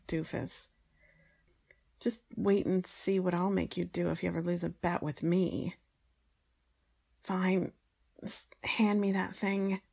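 Casting: woman to play adult woman as a grudging, teasing maid in intimate audio role-play; heavy vocal fry, husky, unhurried. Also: fairly low pitch, darkish tone, heavily acted.

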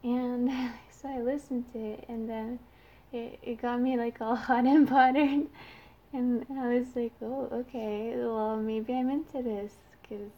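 A woman's voice: a little high, steady tone, a little slow, highs cut off. A 22-year-old woman from Canada, a native French speaker with a Quebec French accent, chatting casually and shyly to her listeners in a youthful-sounding voice. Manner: shy, hesitant, giggly. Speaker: amateur audio creator.

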